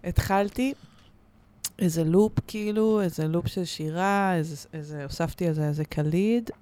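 A woman's voice: fairly low pitch, warm tone. A woman guest on a studio podcast, chatting casually and telling a story with lots of fillers and laughs. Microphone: studio microphone.

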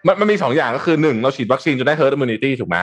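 A man hosting a casual news talk show, chatting with co-hosts in an animated, sarcastic way with many restarts. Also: mid-range voice, very fast. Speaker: host.

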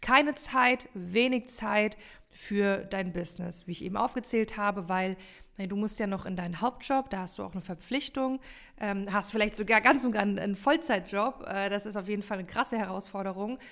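A woman's voice: medium pitch, normal speed, vocal fry, fairly bright tone. Woman cohost on a podcast, emphatic, lots of ähms, keeps talking. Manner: emphatic, talks in long runs with many fillers. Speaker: podcast co-host. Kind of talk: casual explanatory podcast chat.

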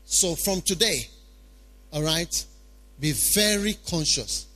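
A man's voice: fairly high pitch, lively intonation, slow, bright, forceful tone, faint music behind. A man with a Ghanaian accent preaching a sermon in an emphatic, repetitive way, full of rhetorical questions.

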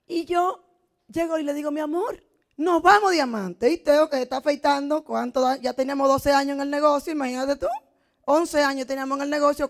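High-voiced, dramatic woman speaker. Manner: emotional, dramatic storytelling. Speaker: network marketing speaker. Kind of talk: motivational testimony talk.

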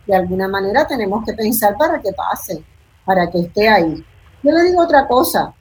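Very animated and fairly quick, this older host from Puerto Rico speaks in a medium-pitched, slightly mellow voice, captured in a low-quality recording. She leads a panel discussion reflectively, with a Puerto Rican accent, frequently adding "¿verdad?" to her sentences.

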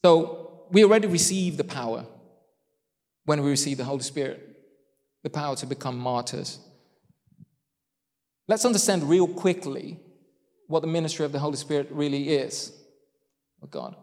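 A man preaching a sermon in a conversational way, with joking asides about himself, slowing down to stress key phrases. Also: fairly high pitch, a little mellow. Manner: conversational, self-deprecating asides; emphatic, slows for key phrases. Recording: long hall reverb.

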